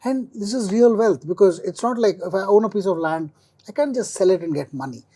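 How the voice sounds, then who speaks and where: A man's voice: high voice, expressive, fairly quick, mellow. A man speaking informally as a finance commentator on a panel, explaining things by acting out imagined quotes.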